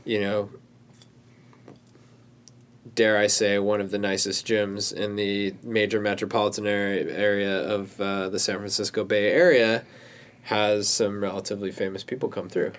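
A man's voice: lowish voice, flat delivery, normal speed. A man co-hosting a podcast, chatting casually in a laid-back way with short replies. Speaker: podcast co-host. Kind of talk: casual chat.

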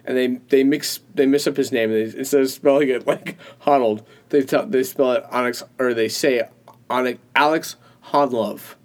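A man's voice: medium pitch, fairly even intonation, moderate pace, hardly any pauses, a little mellow. Podcast guy rambling thru a story, laughs a lot, loose and chatty. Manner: rambling, laughs often, retells stories animatedly. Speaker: podcast co-host. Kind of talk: casual chat.

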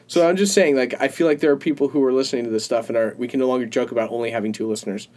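A man's voice: mid-range voice, rapid-fire, a little mellow. A man co-hosts a casual podcast, telling stories in a loose, rambling way. He breaks into laughter often. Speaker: podcast co-host. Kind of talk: casual chat.

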